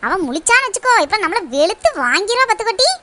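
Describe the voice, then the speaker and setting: Woman voicing a squeaky bossy girl. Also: sing-song, fast talker, a crowd in the background. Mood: fearful. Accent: Tirunelveli Tamil. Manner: chattering, teasing, hushed whispering. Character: bossy excitable young girl, elder sister. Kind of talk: cartoon voice acting.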